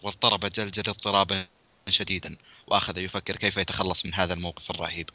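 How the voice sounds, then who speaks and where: A man's voice: low-pitched, flat delivery, bright, forceful tone, no echo, lo-fi sound. A man casually reading a children's mystery aloud, breaking off for joking asides. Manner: rapid, brisk reading, breaks off for crude joking remarks. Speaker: reader.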